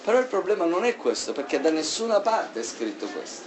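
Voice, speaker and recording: A man preaching a sermon in an animated way, swinging between loud emphasis and soft asides. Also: high voice, fairly quick, a little hiss or hum.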